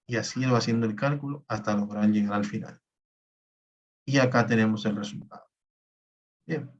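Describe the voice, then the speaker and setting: Man teaching, distant dull audio. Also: mid-range voice. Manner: patient, step-by-step explaining. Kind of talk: online class lecture on spreadsheets.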